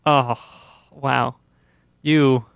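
A man's voice: medium pitch, fairly even intonation, very slow, creaky, a bit bright, clean tone, no echo, highs cut off. A man hosting a casual radio talk show, chatty and self-mocking as he tells a story in a studio. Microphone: studio microphone.

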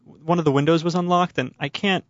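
A man's voice: on the high side, fairly even intonation, brisk, no echo, lo-fi sound. A man hosting a casual radio talk show, chatty and self-mocking as he tells a story in a studio. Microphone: studio microphone.

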